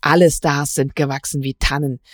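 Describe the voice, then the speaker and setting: A woman's voice: low-pitched, level tone, moderate pace, no room sound, studio quality, natural voice. A woman reading aloud voices a grumpy, touchy middle-aged male musician who sulks and flares up when needled. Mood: grumbling.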